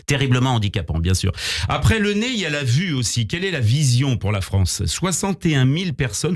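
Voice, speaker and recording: A man reading a scripted comic column on the radio in a small studio, with wry, deadpan asides. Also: mid-range voice. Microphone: studio microphone.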